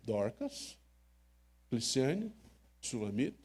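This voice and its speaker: A man's voice: medium pitch, sing-song, slow, darkish tone, slightly rough. An older man from Brazil, a pastor preaching an emotional sermon, telling personal stories and speaking straight to the congregation. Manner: emotional, storytelling, direct address to congregation. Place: church sanctuary.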